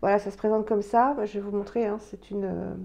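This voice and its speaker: A woman's voice: mid-range voice, flat delivery, fast, dark tone. A woman in her fifties chatting through a skincare review with many fillers and restarts. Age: 50s. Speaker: beauty vlogger. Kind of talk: casual product review.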